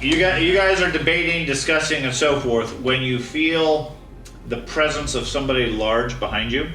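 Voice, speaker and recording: A man's voice: on the high side, normal speed, pushed and bright. A middle-aged man narrating a tabletop role-playing game as the game master. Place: indoor room. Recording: echoey room, distant mic, faint music.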